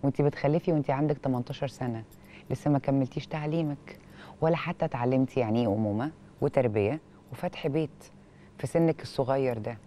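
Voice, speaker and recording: In a studio, an Egyptian-accented woman hosting a television program reads a letter and remarks on it with expressive, questioning delivery, picked up by a lapel mic. She speaks quickly in a rumbling low voice, with slight background noise.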